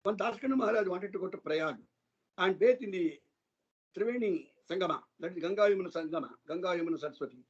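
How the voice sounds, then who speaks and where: Speaking fast in a high, husky voice, a satsang speaker delivers a devotional storytelling discourse. He earnestly recounts tales of saints in a loose, flowing manner, captured in dull, lo-fi online audio.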